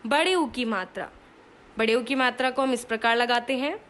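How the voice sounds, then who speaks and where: High-voiced woman teaching children. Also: fairly bright tone. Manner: asks pupils questions and answers them herself; drawn-out sounds and repeated phrases. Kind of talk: children's Hindi grammar lesson.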